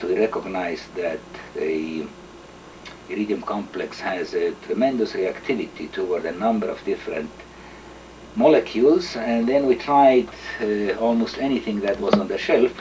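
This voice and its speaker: An older man from Estonia speaks in a low voice, recounting his work in a measured, hesitant way full of fillers and throat clearing. He sits some distance from the mic, and a faint hiss runs under the recording. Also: dark tone. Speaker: interviewee, chemist. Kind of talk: oral history interview.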